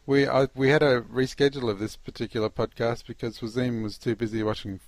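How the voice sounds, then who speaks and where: A man's voice: mid-range voice, level tone, a little fast, no room sound. A man hosting a casual interview, chatting informally and feeling his way hesitantly into his questions. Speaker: podcast host, interviewer.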